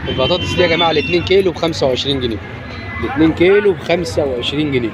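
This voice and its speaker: A man's voice: fairly high pitch, rapid-fire, music in the background. A man with an Egyptian Arabic accent presenting a street-market price report, announcing prices repeatedly to his viewers. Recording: very noisy outdoor street with traffic.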